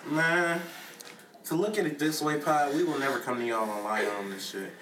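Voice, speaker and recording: A man's voice: fairly high pitch, moderate pace, roomy sound, distant mic, slight background noise. A man hosting a podcast, telling slangy stories in a casual chat. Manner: animated storyteller, slangy, laughing. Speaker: podcast host.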